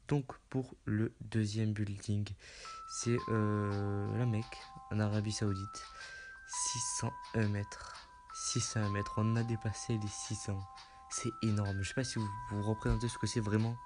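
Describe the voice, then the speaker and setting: A man hosting a casual top-ten voice-over, hesitant with many fillers and repeating himself. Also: on the low side. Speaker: YouTube channel host. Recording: music playing loudly underneath.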